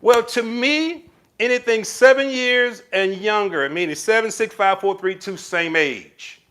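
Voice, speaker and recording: Speaking in a high voice at a measured pace, this man runs a laid-back live stream where he answers viewer comments with relationship advice. His manner is lively, and he addresses the audience as "baby" and similar pet names.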